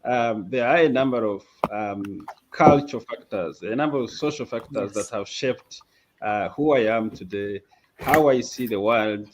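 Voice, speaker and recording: A man's voice: fairly low pitch, moderate pace. A man, a guest on an online panel, speaking thoughtfully and hesitantly with many fillers. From Uganda. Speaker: panel guest, mental health advocate. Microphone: video call. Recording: dull video-call audio, faint noise.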